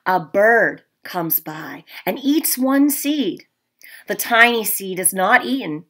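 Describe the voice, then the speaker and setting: This is a woman in her thirties, a teacher, taking her time as she reads a picture book aloud to young children in a medium-pitched voice. Her delivery is soft and expressive, and the recording comes from a laptop webcam indoors at home.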